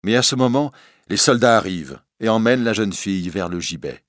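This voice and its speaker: A man's voice: lowish voice, lively intonation, fairly quick, a bit bright, no room sound, clean studio sound. A man narrating a classic story aloud in a dramatic reading style.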